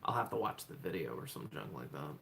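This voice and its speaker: A man livestreaming from home, chatting excitedly to himself as he goes, with lots of "hold on" and "oh my gosh". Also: a bass voice, brisk, creaky, slight background noise. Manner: excitable, thinks aloud, repeats "hold on" and "oh my gosh". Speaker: livestreaming speedcuber. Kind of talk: casual livestream self-talk.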